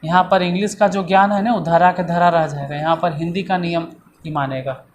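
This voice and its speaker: A man's voice: fairly high pitch, steady tone, fairly quick, highs cut off. Male teacher, repetitive classroom explaining, faint background noise. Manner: repetitive, asks and answers own questions. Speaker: English teacher. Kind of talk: classroom lesson explaining grammar.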